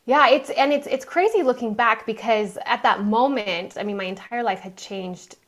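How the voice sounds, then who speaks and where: A woman appears as a guest on a podcast, a mind coach telling her life story in an interview, earnest and emphatic. Her voice is a little high and moves at normal speed.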